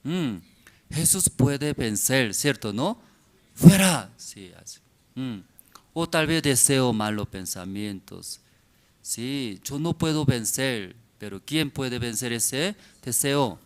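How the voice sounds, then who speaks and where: A male pastor preaching a sermon at a church service, in halting, simple phrases, often asking the congregation questions. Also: mid-range voice, lively intonation, clear, resonant tone. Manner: halting, simplified phrasing with many pauses and fillers.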